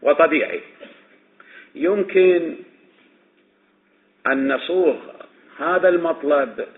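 A man's voice: on the high side, slow. Iraqi man lecturing over a tinny line. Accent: Iraqi Arabic. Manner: questions students and answers himself; repeats and restates points. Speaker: religious studies teacher. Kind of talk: classroom lecture on legal reasoning. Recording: tinny phone-like recording with faint noise.

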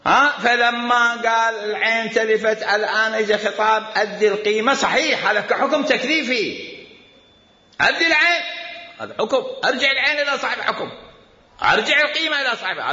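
Animated Iraqi man lecturing in a hall. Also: sits high. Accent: Iraqi Arabic. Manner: argumentative, repeats quoted commands, asks rhetorical questions. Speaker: teacher of Islamic law. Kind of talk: jurisprudence lecture. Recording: echoey hall, dull lo-fi sound.

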